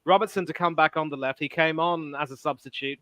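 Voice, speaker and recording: A man's voice: on the high side, fairly quick, bright, forceful tone, no echo. A man hosting a casual football discussion, opinionated and full of fillers. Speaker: podcast host.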